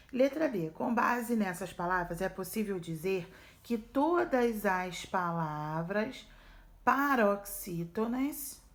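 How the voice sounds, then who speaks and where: A woman schoolteacher with a Brazilian accent patiently walks young pupils through workbook exercises, checking in often. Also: mid-range voice. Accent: Brazilian Portuguese. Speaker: primary school teacher. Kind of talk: recorded remote lesson walkthrough.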